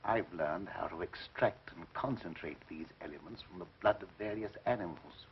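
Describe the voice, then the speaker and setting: An actor playing a grandiose, resentful mad scientist in an old horror film, speaking formally and theatrically with menacing politeness. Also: male voice, low voice, normal speed, a little hiss or hum. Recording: muffled old film soundtrack.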